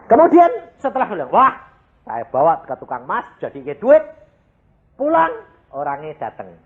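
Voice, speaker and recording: A man preaching a sermon in with a lilt, telling a story and acting out the other voices with big jumps in pitch. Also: wildly swooping pitch, moderate pace, slightly rough. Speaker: pastor. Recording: phone-like narrow sound.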